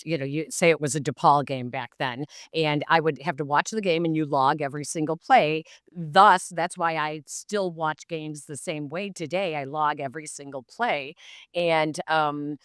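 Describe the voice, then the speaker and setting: Low-voiced, chatty woman broadcaster in her fifties. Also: clear, resonant tone, no room sound, clean studio sound. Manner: animated, rambling with many fillers. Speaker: sports broadcaster, podcast guest. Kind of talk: casual anecdotal storytelling.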